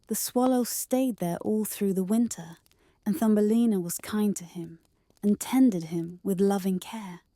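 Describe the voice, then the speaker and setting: A woman reading a fairy tale as a bedtime story in a soft, breathy, gentle voice. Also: medium pitch, unhurried, no echo, studio quality. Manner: gentle, soothing.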